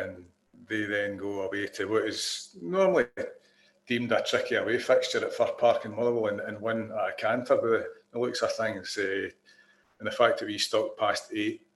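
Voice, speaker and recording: A man, a regular podcast panelist, talking in a dry, measured way. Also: on the low side, a bit bright, reverberant. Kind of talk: casual chat.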